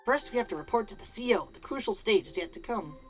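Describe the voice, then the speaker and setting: A woman's voice: medium pitch, expressive, quick pace, faint music behind. A woman streamer reading video game dialogue aloud in a theatrical way, switching between character voices. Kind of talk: dramatised read-aloud of a video game's dialogue, voicing the characters.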